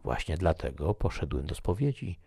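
Audiobook figure: man reading as a solemn soldier, low gravelly voice, slow and measured, dry studio. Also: very animated, dark tone, no room sound, heavily acted. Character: grave, fatalistic male soldier.

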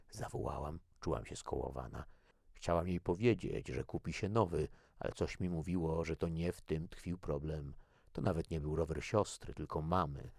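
A man reading a first-person story as an audiobook in a measured, even way. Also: a bass voice, creaky, no room sound, studio quality. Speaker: audiobook reader.

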